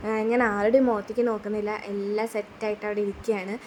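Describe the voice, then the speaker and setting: A woman's voice: medium pitch, level tone, fast, darkish tone, a little hiss or hum. A young woman narrating a family video as a vlogger, chatty and a little shy, with many hesitant fillers. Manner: admits to being shy on camera.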